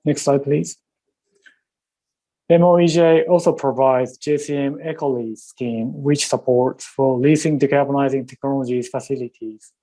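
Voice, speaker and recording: A man presents slides in a measured, careful way, often stopping to correct himself. His voice is dark and mellow, at an ordinary pitch for a man. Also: fairly even intonation, rough recording. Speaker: presenter from a Japanese ministry. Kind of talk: formal webinar presentation.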